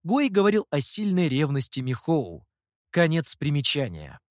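A man's voice: fairly high pitch, huge pitch swings, normal speed, no room sound, clean studio sound. A man narrating an audiobook, reading expressively in a storytelling manner. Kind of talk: scripted narration.

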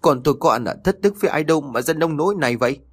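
A shrill older mother shrieks and wails in a spoken horror story, put on by a male narrator. Her voice jumps up high and swings widely as she cries out in frantic grief, at a quick rushing pace. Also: expressive, slightly rough. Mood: wailing. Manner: frantic wailing. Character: shrieking old woman, grieving, shrill mother.

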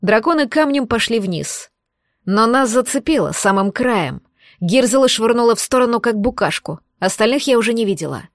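A woman reading a fantasy novel aloud in measured, lightly dramatic narration. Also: on the high side, expressive, no echo, studio quality. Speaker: audiobook narrator. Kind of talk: scripted narration.

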